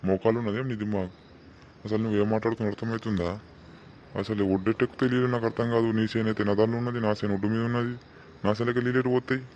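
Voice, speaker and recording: Guy doing a cranky village elder in a cartoon, talks fast, kinda muffled lo-fi audio. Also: lowish voice, flat delivery, darkish tone. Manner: scolding, exasperated. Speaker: village elder judging a dispute. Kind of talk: cartoon voice acting. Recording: dull lo-fi sound with faint noise.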